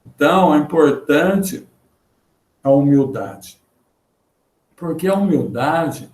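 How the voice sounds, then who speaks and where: Brazilian male spiritist lecturer, earnest and halting, fairly high voice, roomy video-call sound. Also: lively intonation, a little mellow. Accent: Brazilian Portuguese. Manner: earnest, halting with repeated fillers. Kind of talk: religious lecture with read-out passages. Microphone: computer mic in a video call.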